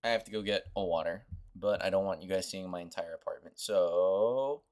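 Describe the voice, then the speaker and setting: A man's voice: sits low, moderate pace, darkish tone. Chatty young man streaming a game. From Costa Rica. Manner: rambling, chatty and offhand. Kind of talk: casual livestream commentary.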